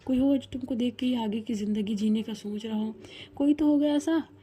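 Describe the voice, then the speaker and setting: A woman's voice: on the high side, brisk, warm tone, husky. A woman voicing a hurt young female professor who scolds with emotion. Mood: reproachful. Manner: reproachful, emotional.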